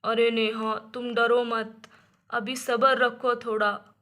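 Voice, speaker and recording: A woman's voice: a little high, level tone, slow, sharp tone, voice pushed down, exaggerated voice. Woman putting on a stern lecturing father. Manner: lecturing, firm. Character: stern father scolding his daughters. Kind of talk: doll storybook acting.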